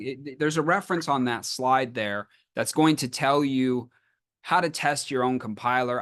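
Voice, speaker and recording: A man's voice: medium pitch, a bit bright, no room sound, clean studio sound. A man giving an enthusiastic webinar talk on a video call, saying he is losing his voice. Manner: enthusiastic, explanatory. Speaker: conference speaker. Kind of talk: webinar presentation.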